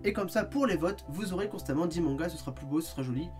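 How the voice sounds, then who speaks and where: A man chatting casually in a video review, lively with quick asides, sounding tired. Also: on the high side, music in the background. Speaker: manga vlogger.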